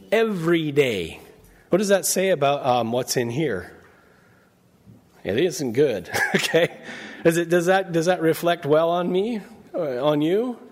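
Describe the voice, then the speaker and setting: A male preacher giving a conversational sermon, often asking the congregation questions and reading verses aloud. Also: fairly high pitch. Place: church.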